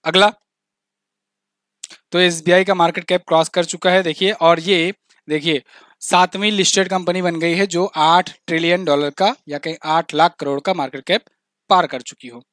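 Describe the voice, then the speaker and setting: Male exam-prep tutor, high-pitched, talky, repeats facts, dead-dry close recording. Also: fairly even intonation, moderate pace, fairly bright tone, no echo. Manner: chatty, explains with asides and little jokes; repeats key facts, says "ठीक है ना" often. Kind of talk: current affairs quiz lesson.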